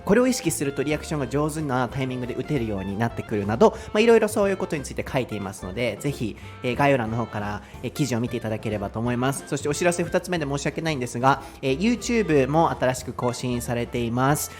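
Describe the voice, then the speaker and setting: A man's voice: mid-range voice, sing-song, fast talker, hardly any pauses, faint music behind. A Japanese man hosting an English lesson podcast, chatting casually and explaining with a laugh. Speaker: podcast host and English teacher. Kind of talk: casual bilingual lesson chat.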